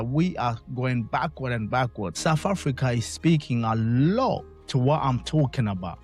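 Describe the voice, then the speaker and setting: A man's voice: medium pitch, a little mellow. A man giving impassioned commentary, emphatic and repetitive, with non-native phrasing. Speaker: commentator reacting to a clip.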